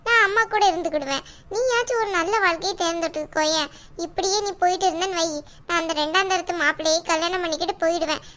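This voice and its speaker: A woman's voice: very high-pitched, fast talker, a bit bright. A woman voicing a worried young married village woman in a cartoon, pleading and scolding her sister. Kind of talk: cartoon dialogue.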